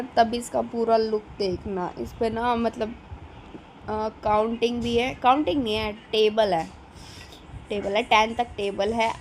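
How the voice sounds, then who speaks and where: A woman's voice: a little high, a little hiss or hum, poor audio. A mother, chatting casually through a home vlog about her kids. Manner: chatty, narrating her kids' play. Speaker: vlogger and mother. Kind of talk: casual family vlog narration.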